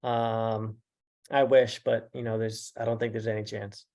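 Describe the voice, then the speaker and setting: Man, team manager, interview guest, gravelly, monotone, hesitant with fillers. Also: lowish voice. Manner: halting, with many ums and uhs. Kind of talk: casual interview answers.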